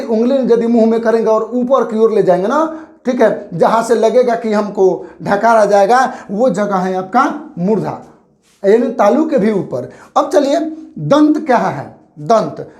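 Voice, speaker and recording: A man's voice: very high-pitched, darkish tone. Male tutor, exam-prep lecture, repetitive question-and-answer delivery, echoey room. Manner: explains by repeating and asking questions he answers himself. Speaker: teacher. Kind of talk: exam-prep grammar lesson. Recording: roomy echo.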